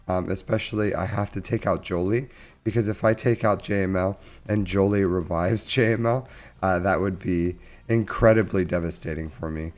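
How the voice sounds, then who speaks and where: Slightly low-voiced man sounding under the weather. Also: a little mellow. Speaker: host of a gaming channel. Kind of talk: casual gameplay commentary. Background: music.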